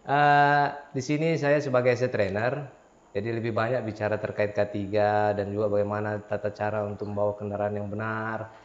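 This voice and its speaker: A man's voice: fairly low pitch, level tone, a little fast. A man in his forties, a safety trainer, explaining things step by step as a podcast guest. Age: 40s. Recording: roomy, dull lo-fi sound.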